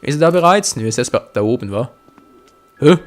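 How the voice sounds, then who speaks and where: Animated man in game commentary. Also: medium pitch, fairly quick, faint music behind. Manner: excitable, swears and talks to viewers. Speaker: let's play host. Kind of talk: let's play commentary.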